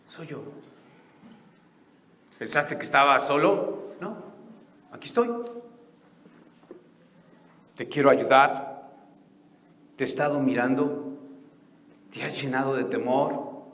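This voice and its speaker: A soft, calm Jesus, put on by a man preaching, murmuring reassurance slowly. His hushed voice rings out with a long reverb in a large, roomy church hall. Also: mid-range voice. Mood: soothing, hushed.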